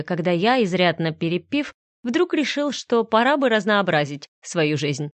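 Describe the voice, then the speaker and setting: A woman narrating a first-person audiobook in a steady, expressive storytelling voice. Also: medium pitch, no room sound.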